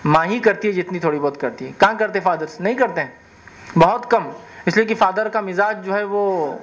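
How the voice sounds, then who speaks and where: High-voiced animated male preacher. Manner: animated, questions the audience. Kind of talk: sermon.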